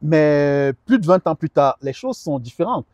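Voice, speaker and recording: A middle-aged man speaking earnestly in a sit-down interview, his voice sitting fairly high for a man. He stumbles and repeats words as he searches for them. The sound is dry and close, with no room echo. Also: lively intonation, moderate pace, a little mellow, lo-fi sound. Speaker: guest advisor on immigration. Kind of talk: conversational interview.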